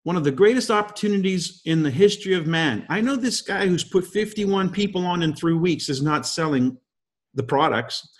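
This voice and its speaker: Fairly high in pitch and expressive, a fifties-aged man speaks at normal speed. He is the guest host on a leadership call, delivering an uplifting talk peppered with emphatic rhetorical questions.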